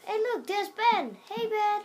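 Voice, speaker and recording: Very high-pitched and slow, the voice swings widely in pitch as a young-sounding video maker improvises role-play commentary on a game, rambling and exclaiming. The setting is indoors at home before a television, filmed by a camera with game music audible.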